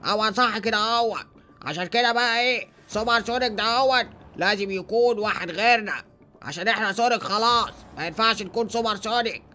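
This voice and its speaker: A man's voice: high-pitched, quick pace, slight background noise. A man playing a bossy, threatening fire Sonic father with an Egyptian accent. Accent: Egyptian Arabic. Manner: bossy, blustering, bright-toned.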